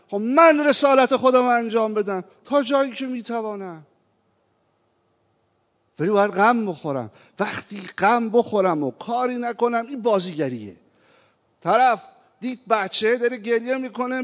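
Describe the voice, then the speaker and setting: A man preaching a sermon, moving from quiet reflection to impassioned appeals and slowly chanting verses. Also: very high-pitched. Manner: impassioned, rising to emphatic appeals; recites verses in a slow chanting tone. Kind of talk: religious sermon. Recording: reverberant hall.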